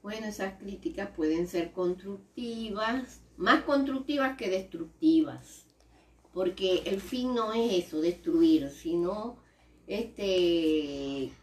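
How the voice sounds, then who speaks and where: A woman's voice: mid-range voice, slow pace. A woman guest giving an opinion conversationally, hesitantly searching for her words. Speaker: family guest. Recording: echoey room, distant from mic.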